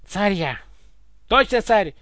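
Man doing a shrill, flustered tsar for an audiobook, high and loud, very dry sound. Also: animated, slow, no room sound, full character voice. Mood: indignant. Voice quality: shrill, yelling. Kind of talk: audiobook character voice.

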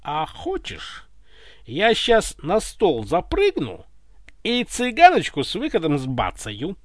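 A man's voice: a little high, huge pitch swings, fairly quick, no echo. A man voicing a brash, cheeky young commoner who keeps joking in folksy speech, read dry and close. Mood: bantering.

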